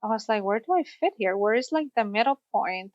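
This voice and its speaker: A woman's voice: fairly high pitch, expressive, fairly quick, dry recording, muffled recording. A woman from Costa Rica, a sex therapist, telling her story in a podcast interview. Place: studio, in person.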